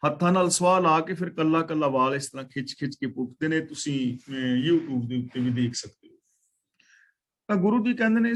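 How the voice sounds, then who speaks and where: Man, fairly high voice, scripture teacher, slow verse recitation, word-by-word explanations, online class. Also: a bit bright. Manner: recites verses slowly, then explains words and their pronunciation. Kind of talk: religious lesson explaining scripture. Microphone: online class call.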